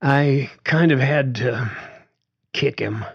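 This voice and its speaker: Here a man performs the part of a young daughter, shaken yet honest, who replies to her father in halting, hesitant bits. His medium-pitched, slightly rough voice is raised above his natural register, and the audio is dull.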